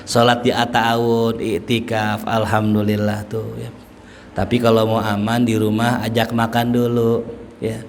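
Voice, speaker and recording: Joking preacher with a Betawi accent. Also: male voice, lowish voice, unhurried, long reverb tail, faint music behind. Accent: Jakarta Betawi. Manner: humorous, animated, acts out everyday scenes. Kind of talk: sermon.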